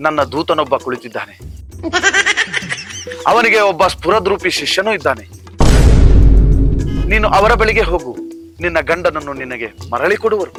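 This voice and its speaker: A man voicing a god in a comedy sketch, making formal, measured proclamations. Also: a little high, animated. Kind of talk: formal scripted speech. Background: background music.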